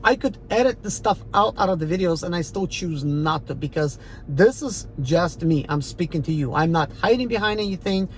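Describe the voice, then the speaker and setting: Speaking at a moderate pace in an animated, mid-range voice, this driver from Ukraine in the former Soviet Union rambles defiantly to viewers of his channel. His Eastern European accent colors a casual, emphatic talk full of filler words. There's slight background noise and the recording quality is poor.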